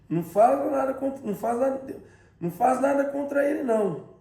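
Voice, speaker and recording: Brazilian bishop, male, very high voice, insistent repetitive preaching, echoey room. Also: expressive, normal speed, mellow. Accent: Brazilian Portuguese. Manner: emphatic, repetitive preaching with rhetorical questions. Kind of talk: sermon.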